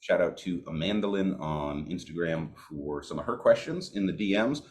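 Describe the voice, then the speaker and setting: A man co-hosting a cigar podcast, talking in a relaxed, casual way with some swearing. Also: sits low, normal speed. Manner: laid-back, swears casually. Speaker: podcast co-host. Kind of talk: casual chat.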